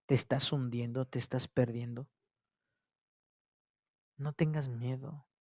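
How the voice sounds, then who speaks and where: A man with a Mexican Spanish accent, preaching a sermon at a church service, repeating his phrases and swinging between loud exhortation and hushed tones. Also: medium pitch, steady tone, slow pace, no room sound, clean studio sound. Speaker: pastor.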